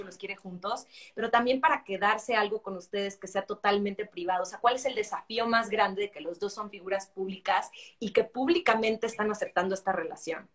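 Bright-voiced female interviewer. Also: medium pitch. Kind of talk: interview questions.

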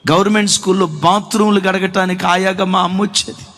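A pastor preaching an impassioned sermon with shouted peaks. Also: male voice, sits high, level tone, quick pace. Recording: echoey hall.

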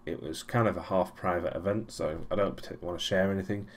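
A man's voice: sits low, steady tone, fast, a little hiss or hum. A young man giving a casual weekly vlog recap, rambling with many ums and restarts and a dry, sarcastic streak. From Europe. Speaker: vlogger.

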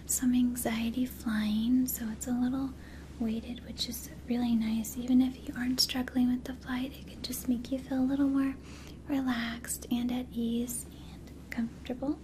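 A young woman playing an attentive, gentle flight attendant in a soft, soothing whispered role-play. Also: on the high side, noisy background, natural voice. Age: young adult. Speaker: ASMR performer.

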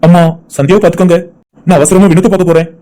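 An earnest, loyal young man in a cartoon, voiced by a woman with a lowered voice. He talks quickly and plainly, and it is all a little urgent. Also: fairly even intonation, mellow, natural voice. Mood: hurried.

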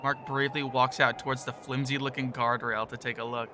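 A man's voice: medium pitch, flat delivery, brisk, background noise. A man narrating a visual novel in the first person, in a nervous, self-deprecating tone.

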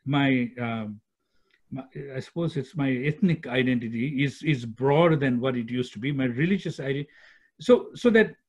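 A man's voice: on the high side, darkish tone, husky. An older man from Sri Lanka talking as a guest on a video call, thoughtful, often restarting words as he searches for phrasing. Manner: thoughtful, repeats words while searching for phrasing, gestures with hands. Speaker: guest, executive director of a peacemaking institute. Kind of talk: conversational interview on a video call. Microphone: computer microphone on a video call. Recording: dull lo-fi video call audio.

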